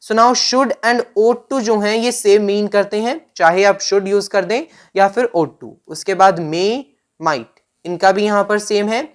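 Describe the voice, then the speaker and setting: An Indian English woman teaches grammar from slides at a very slow, deliberate pace. She moves back and forth between Hindi and English. She often pauses to check in with "right?" or "fine". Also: medium pitch. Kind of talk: slide-based grammar lesson.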